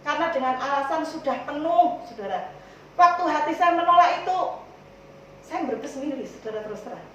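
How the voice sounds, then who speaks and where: A high-pitched woman pastor with an East Javanese accent, talking chattily to her congregation and slipping into little acted-out conversations. She is heard from a distance in a strongly echoing church hall, the sound a bit dull, with faint room ambience behind her. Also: expressive, a little fast, pushed and bright, slight background noise. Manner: chatty, addresses listeners as "saudara" constantly, acts out dialogues. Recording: echoey church hall from far off.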